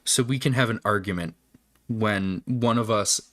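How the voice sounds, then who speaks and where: A man's voice: lowish voice, moderate pace, a bit bright, dry recording. A man hosting a casual livestream, chatting with viewers in a rambling, profane way. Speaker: livestream host. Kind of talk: casual live-stream chat.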